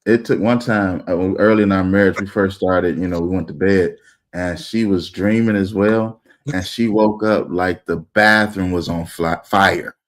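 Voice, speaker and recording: A man co-hosting a talk show, telling a story in casual banter and swinging into loud acted-out quotes. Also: deep voice, steady tone, moderate pace.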